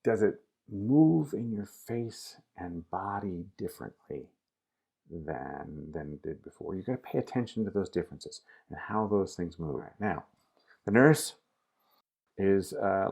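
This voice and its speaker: Low gravelly male drama coach, relaxed and instructive. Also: normal speed. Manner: casual instructive, addresses the student directly. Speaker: acting teacher. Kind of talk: recorded acting lesson.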